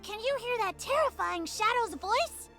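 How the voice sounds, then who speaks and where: A woman voicing a timid, chatty little frog-like vendor in a game, punctuating her sentences with a croaking "ribbit". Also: extremely high pitch, animated, unhurried, exaggerated voice. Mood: chatty, earnest. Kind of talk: scripted game dialogue. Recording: game music behind.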